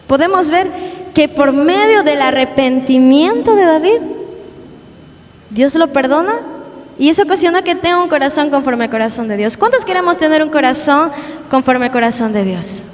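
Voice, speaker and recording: A woman's voice: high voice, expressive, normal speed. A young woman preaching a sermon at a youth service, earnest and repetitive, often asking the congregation questions. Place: church hall. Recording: long church hall reverb, faint background noise.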